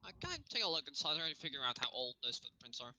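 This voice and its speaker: A man's voice: fairly high pitch, very animated, very fast, sharp tone, dry recording. A man playing a tabletop role-playing game, chatting casually about characters and actions. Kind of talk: casual role-play chat. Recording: noisy microphone with clicks.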